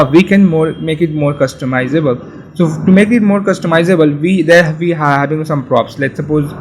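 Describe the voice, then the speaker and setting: Male coding tutor, somewhat high voice, loose and chatty delivery full of fillers and restarts. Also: low-quality recording. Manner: casual, repetitive, many fillers and restarts. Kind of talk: screen-share coding tutorial.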